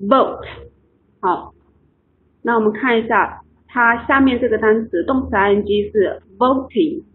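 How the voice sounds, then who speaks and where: A woman's voice: a little high, unhurried, a little hiss or hum. A woman teaching an online English lesson, patiently explaining and repeating words for her students. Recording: tinny online call audio.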